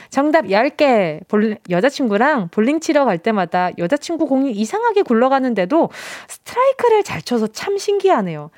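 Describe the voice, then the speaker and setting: A young woman hosting a playful radio quiz show, animated and theatrical as she reads listener messages aloud. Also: fairly high pitch, no echo, studio quality. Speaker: radio host. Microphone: studio microphone.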